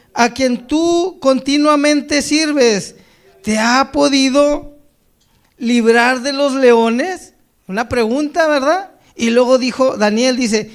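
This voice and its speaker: A man preaching a sermon, reading scripture aloud and then talking it over, often calling his listeners brother and asking "right?". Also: very high voice. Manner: addresses listeners as brother, tags lines with a questioning "right?"; reads quoted lines slowly and loudly, then drops to a soft, quiet tone.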